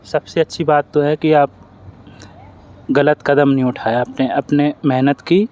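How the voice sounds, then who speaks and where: A man's voice: fairly high pitch, steady tone, unhurried, darkish tone. A man hosting an interview, earnest and consoling as he speaks to his guest and to viewers. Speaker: interviewer, channel host.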